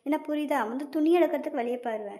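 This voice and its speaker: A woman voicing a level-headed young woman who calms and instructs the others in a comedy cartoon. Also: sits high, rapid-fire, lightly acted. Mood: firm. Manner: soothing, instructing.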